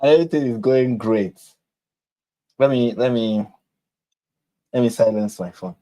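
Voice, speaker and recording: A Nigerian-accented man hosts a casual live stream, chatty and playful and laughing often. His mid-range voice is warm and unhurried, with no echo.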